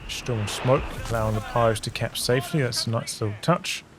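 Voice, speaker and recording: A man calmly casts a strategy game match, breaking down each move in an easygoing, thinking-aloud way. His voice sits in a middling register. Loud in-game gunfire and artillery play clearly behind him. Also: mid-range voice, brisk, noisy background. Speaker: game caster. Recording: game battle sounds over the voice.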